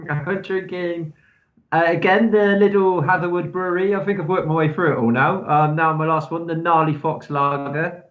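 A man's voice: fairly high pitch, fairly even intonation, normal speed. A man chatting easily with friends on a podcast, rambling with fillers. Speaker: podcast co-host. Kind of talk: casual chat among friends. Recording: slightly dull, lo-fi sound.

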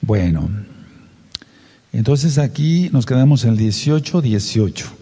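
Dark-voiced man teaching scripture in a hall. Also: medium pitch, lively intonation, a little slow, slightly rough. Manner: reads scripture aloud, stops to explain and quiz the listeners. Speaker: Bible teacher. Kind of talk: Bible study reading and teaching.

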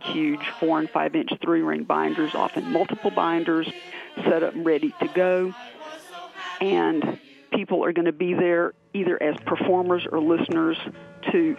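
A man's voice: a little high, vocal fry, muffled recording. A man explaining a fan music community in an interview style. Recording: band-limited radio sound, faint music behind.

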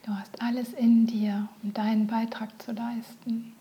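Slow whispering meditation guide, woman. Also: a little high, little pitch movement. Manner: slow, soft, often whispered.

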